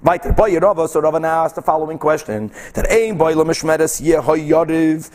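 A man's voice: a little high, normal speed, darkish tone. A man gives a Talmud lesson. He reads from the text and explains it as he goes, posing questions, answering them himself and repeating key phrases for emphasis. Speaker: Talmud teacher. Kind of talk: religious text lesson, reading and explaining aloud.

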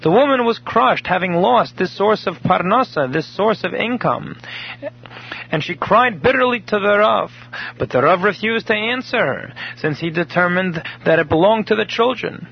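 A man teaching a recorded daily Torah class, telling a story in a measured way and explaining Hebrew terms in English. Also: high-pitched, animated, vocal fry, slightly rough. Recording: dull lo-fi recording.

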